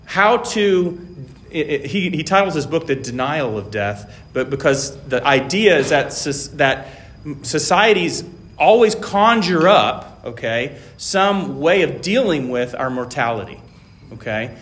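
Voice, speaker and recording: A man who grew up in Taiwan giving an informal classroom lecture, halting, with many fillers and restarts, often checking in with "right?". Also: on the high side, lively intonation, fairly bright tone, a little hiss or hum.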